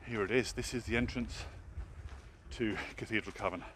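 Speaking at a moderate pace with fairly even intonation, this middle-aged hiking guide and vlogger has a fairly low, slightly bright voice. He offers informal, conversational commentary for a walking vlog. The setting is outdoor trails and a cave, with outdoor ambience and noise in the background.

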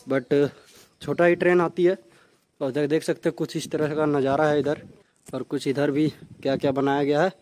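A man's voice: on the high side, darkish tone, slight background noise. Chatty young man from India vlogging outdoors. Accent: Jharkhand Hindi. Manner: chatty, repeats "guys" often. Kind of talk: casual walking travel vlog. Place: outdoors at a small railway station.

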